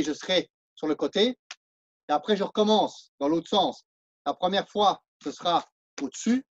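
A French-accented man leads a martial arts class, counting out and explaining each move as he demonstrates it. His voice sits high. The sound is dry and slightly dull, like a lo-fi recording. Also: no echo. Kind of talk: live online class instruction.

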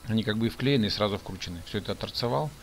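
Low-voiced man explaining his woodwork. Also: very fast, soft background music. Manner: relaxed, plain-spoken, explains step by step with fillers. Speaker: woodworking channel host. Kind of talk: casual voice-over narration of a build.

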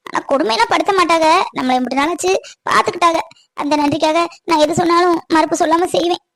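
A woman doing a tearful, gentle young woman. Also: very high-pitched, fast talker, no room sound. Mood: pleading. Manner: pleading, sorrowful. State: crying. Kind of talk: cartoon voice acting.

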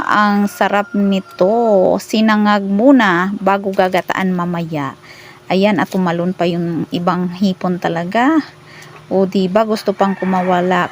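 A woman's voice: medium pitch, slight background noise. A woman with a Filipino accent narrating a casual outdoor cooking vlog, chatty and upbeat, often calling the viewers guys. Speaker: cooking vlogger. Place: outdoor home kitchen with wood fire.

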